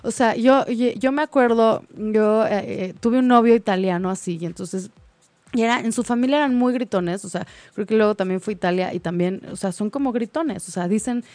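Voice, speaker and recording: Lively woman, higher voice. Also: brisk, dry recording. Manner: animated, acts out quoted dialogue. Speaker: co-host. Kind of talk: casual chat.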